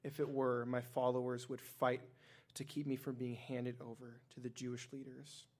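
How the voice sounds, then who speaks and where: A man reading as a calm accused man. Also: mid-range voice, normal speed, lightly acted. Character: calm, steadfast man on trial. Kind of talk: scripture reading.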